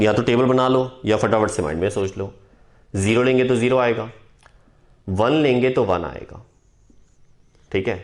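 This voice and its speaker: Low-voiced man teaching math at a board. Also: darkish tone. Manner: checks in with students often. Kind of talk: whiteboard lesson.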